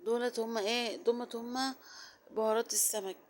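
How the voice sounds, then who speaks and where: A woman with an Egyptian Arabic accent and a sore, hoarse throat, chatting her way through a casual home vlog. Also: a little high, steady tone, brisk, a little mellow. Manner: chatty, rambling, fond of fillers. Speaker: home vlogger.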